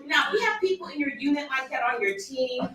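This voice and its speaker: A woman's voice: sits high, expressive, a little fast, pushed and bright, very echoey, recorded from a distance, poor audio. A woman giving a motivational talk to her sales team, acting out quoted thoughts and laughing often.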